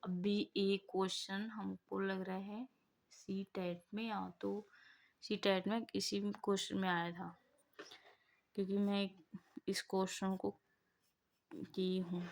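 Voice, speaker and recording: A woman teacher drills spelling at a very slow pace, saying each word carefully twice. Her voice is low and gravelly, with little rise and fall. She breaks off now and then for quick asides to her students. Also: a little hiss or hum. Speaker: exam prep teacher. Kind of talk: spelling drill lesson, reading words twice.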